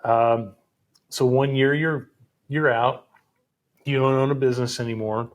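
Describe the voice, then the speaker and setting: A man's voice: mid-range voice, fairly even intonation, a little slow. A man hosting a podcast interview, responding with short, supportive affirmations. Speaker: podcast host. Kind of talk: casual interview.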